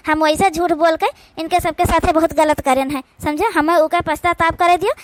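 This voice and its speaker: A woman's voice: very high-pitched, steady tone, brisk, dry recording. A woman with an Awadhi accent, voicing several village women in a family quarrel for a cartoon, pleading and scolding in turn. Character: quarrelling village women, mother and daughters-in-law. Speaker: cartoon voice actor.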